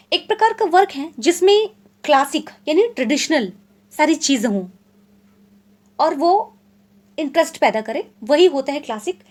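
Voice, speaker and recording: A woman from India teaches English literature in an exam-prep lecture, with a notably high voice. She reads each definition slowly and deliberately, then explains it in plain terms. She often checks in with short confirming asides. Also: a little mellow.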